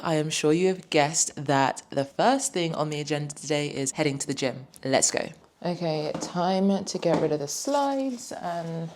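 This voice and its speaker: Low-voiced chatty young woman vlogging. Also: darkish tone. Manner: chatty, upbeat, self-deprecating, laughs easily. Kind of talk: casual vlog narration. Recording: noticeable background noise.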